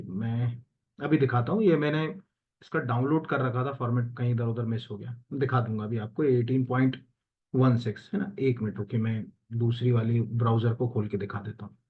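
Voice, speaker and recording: A man's voice: medium pitch, narrow, tinny audio. Man talking through exam answers. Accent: Hindi with English terms mixed in. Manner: conversational, many fillers and self-corrections. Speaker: exam coaching teacher. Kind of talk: explaining exam answers while screen-sharing.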